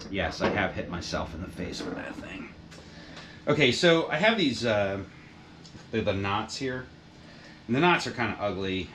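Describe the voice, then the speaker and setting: A man with a lowish, slightly bright voice narrates his home bookbinding casually as a hobbyist vlogger, rambling and swearing while making fun of himself. It's a relaxed workshop how-to. The heater blows wind noise onto the mic, and a printer runs in the background.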